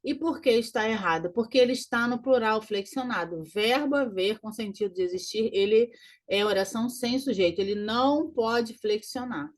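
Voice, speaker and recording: Woman teaching grammar step by step. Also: a little high. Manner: explains step by step, repeats key words slowly. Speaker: Portuguese teacher. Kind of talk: recorded exam walkthrough lesson.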